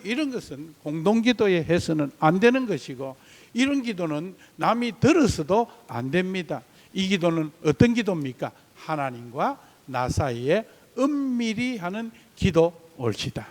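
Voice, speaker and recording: A pastor with a Gyeongsang Korean accent, preaching a lively Sunday sermon in a church sanctuary and putting questions to the congregation. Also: male voice, sits high. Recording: long church hall reverb.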